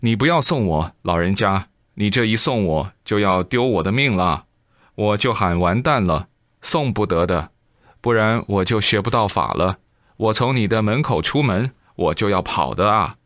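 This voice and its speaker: A man doing a resolute monk disciple, low and urgent, dry sound. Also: lively intonation, moderate pace, a bit bright, dry recording. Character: earnest, determined young male monk disciple.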